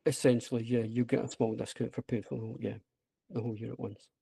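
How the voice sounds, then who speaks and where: The app creator presenting here has a broad Scottish accent and a dark, husky, medium-pitched voice with vocal fry, delivered flatly and quickly. It's an informal online talk with screen sharing, hesitant and self-mocking but enthusiastic, on a dry recording.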